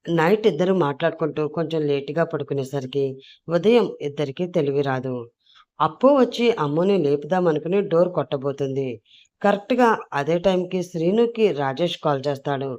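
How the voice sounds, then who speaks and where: A woman's voice: low voice, moderate pace, dull audio. Woman narrating a serial audio story. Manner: steady, plain storytelling.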